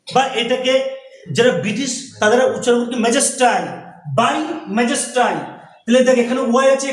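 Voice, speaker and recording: High-voiced man teaching in an echoey room. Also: recorded from a distance. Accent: Bengali. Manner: asks questions and answers them himself. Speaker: English teacher. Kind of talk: classroom lesson explaining rhyme scheme.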